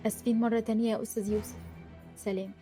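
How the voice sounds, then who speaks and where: A woman's voice: on the high side, flat delivery, dark tone, faint music behind, close to an everyday voice. A woman playing Amani, a feisty Egyptian friend. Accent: Egyptian Arabic. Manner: blunt, quick-tempered. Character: protective, feisty young female student friend. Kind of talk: radio drama acting.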